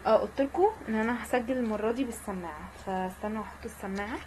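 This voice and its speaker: A woman's voice: on the high side, rapid-fire, darkish tone, slight background noise, rough recording. A woman with an Egyptian Arabic accent giving casual, joking let's-play commentary and chatting with her viewers. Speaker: gaming channel host.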